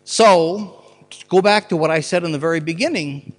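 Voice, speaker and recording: A man's voice: a little high, normal speed. A man giving a public talk and answering questions. He argues earnestly and often repeats words as he works out a thought. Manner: earnest, argumentative, repeats words while thinking. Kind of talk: public lecture with Q&A. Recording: long reverb of a large hall.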